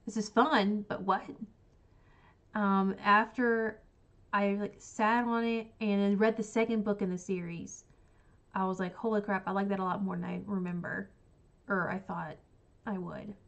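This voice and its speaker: On her book channel's livestream, a woman with a cold wanders chattily from thought to thought, filling the gaps with likes and ums while she sniffles. Her mid-range voice moves unhurriedly with fairly even intonation, and the audio is dull.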